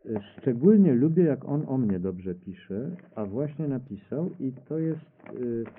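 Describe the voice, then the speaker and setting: Brief: man, middle pitch, hesitant rambling talk, thin old radio sound. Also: expressive, slow pace, a little hiss or hum. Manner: rambling, hesitant, self-correcting, reads quotes aloud. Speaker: radio cabaret creator answering questions. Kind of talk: unscripted public talk with audience questions. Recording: tinny lo-fi archive radio recording.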